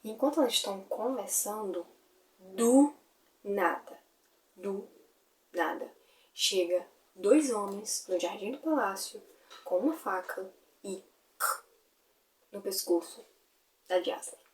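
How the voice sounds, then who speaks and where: A woman's voice: mid-range voice, animated, measured pace, long pauses, distant mic, a little hiss or hum. A woman recapping a fantasy novel in a casual, chatty way, full of fillers. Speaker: book reviewer.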